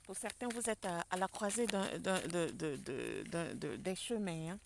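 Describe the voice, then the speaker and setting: Soft-spoken woman reading tarot cards. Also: fairly low pitch, lively intonation, moderate pace, creaky, noisy background. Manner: speaks softly and quietly. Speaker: tarot card reader. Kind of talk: spiritual tarot reading to camera. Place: public place outdoors with people nearby.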